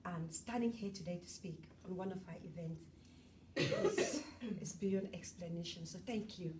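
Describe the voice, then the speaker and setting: A bubbly middle-aged woman from Cameroon giving a lively talk at an event and chatting with the audience. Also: lowish voice, moderate pace, recorded from a distance, heavy background noise. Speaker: motivational speaker.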